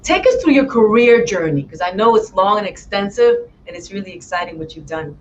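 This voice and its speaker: A woman's voice: medium pitch, lively intonation, a little fast, dull audio, slight background noise. A woman hosting a talk show interview, effusive and full of praise, often addressing her audience as friends. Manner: effusive, repeats "my friends" and "wow".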